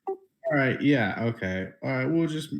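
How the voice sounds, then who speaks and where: A man's voice: mid-range voice, lively intonation, measured pace. A man chatting casually as a player in a tabletop role-playing game.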